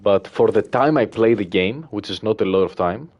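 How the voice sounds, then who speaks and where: A Greek man with a Greek accent and a lowish voice chats casually with his livestream viewers while playing, reading their messages at a moderate pace. He sounds relaxed and hesitant, using fillers and soft laughs, and the audio is dull.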